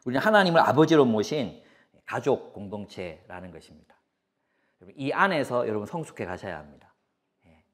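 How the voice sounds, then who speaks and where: A man's voice: medium pitch, very animated, normal speed, long pauses. A pastor in his forties giving a sermon, with an emphatic, repetitive preaching cadence and personal anecdotes.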